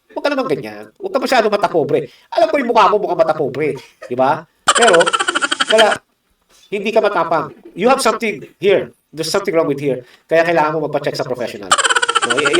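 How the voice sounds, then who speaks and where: A man's voice: a little high, echoey room, far from the mic, heavy background noise. A man from the Philippines giving heated political commentary, combative and mocking, with constant rhetorical asides.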